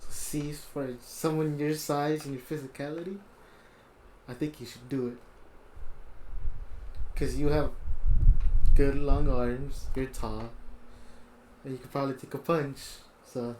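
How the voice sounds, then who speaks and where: A man's voice: mid-range voice, steady tone, measured pace, long pauses, darkish tone, a little hiss or hum, low-quality recording. A young man co-hosting a casual podcast, giving short, cocky replies full of trash talk. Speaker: podcast co-host.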